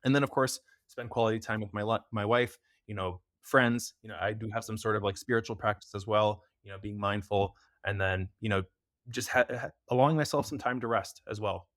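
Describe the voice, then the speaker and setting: Fairly low in pitch, steady, and fairly bright, this young American man speaks as a preventative health expert on a podcast. The interview is casual, and he talks rapidly and loosely with many fillers. No echo is heard, and the studio sound is clean.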